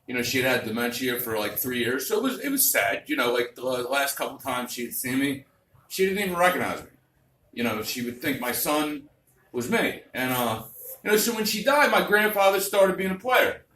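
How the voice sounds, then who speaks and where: A man's voice: mid-range voice, sing-song, a little fast, sharp tone. A man doing a crude, vulgar, rambling stand-up comedy set on a club stage. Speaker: stand-up comic. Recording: roomy club, distant mic, faint noise.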